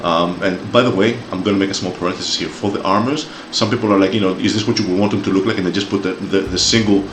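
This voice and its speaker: A fast-talking man with a low, steady voice rants as an opinion commentator, cursing and repeating himself when riled. In his forties, he has a Greek-Australian accent, having come from Greece and grown up in Australia, and the clip has an echoey room and background noise.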